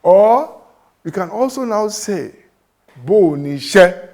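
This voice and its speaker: A man's voice: high voice, animated, measured pace, a little mellow. A man teaching greetings, coaxing his student to repeat after him in a playful way. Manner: coaxing, playful, mixes English and Yoruba. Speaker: language teacher.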